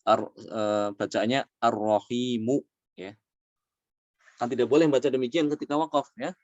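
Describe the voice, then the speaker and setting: Male recitation teacher, measured and explanatory, with drawn-out demonstrations; dry, muffled recording. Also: medium pitch, dry recording. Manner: explains patiently, often adding "ya"; slows down to demonstrate recited words. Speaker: tajwid teacher. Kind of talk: Quran recitation lesson.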